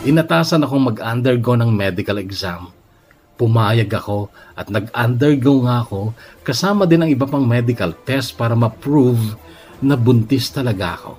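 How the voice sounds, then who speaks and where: A man reading a listener's letter aloud as a first-person story, steady and measured with emotional lifts. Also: medium pitch. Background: soft background music.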